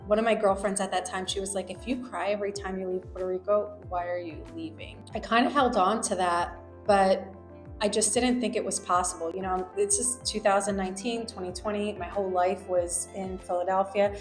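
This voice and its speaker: Speaking fairly quickly with fairly even intonation, this medium-pitched woman recounts her own story. She's an American lawyer raised in New Jersey, and her delivery is conversational and reflective, with lots of fillers. Faint music plays in an echoey room.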